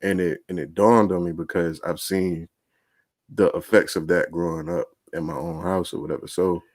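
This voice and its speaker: A man's voice: low-pitched, steady tone, normal speed, darkish tone, no room sound. A man in casual podcast chat, talking loosely and often saying "you know what I'm saying". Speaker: podcast guest.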